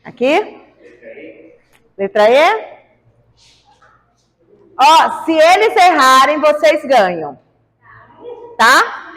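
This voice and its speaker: A woman's voice: sits high, big pitch swings, very slow, pauses often, fairly bright tone, long reverb tail. A woman teaching biology, running a quiz with her class and coaxing answers out of the students in a playful way. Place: large classroom.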